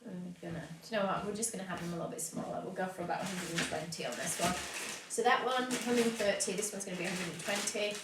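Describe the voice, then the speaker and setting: This cake decorator streams a live tutorial from home, speaking fast on the low side with few pauses. Hay fever leaves her nose sniffly while she chats casually, explaining as she goes and filling gaps with many fillers. Faint noise sits in a roomy, distant recording.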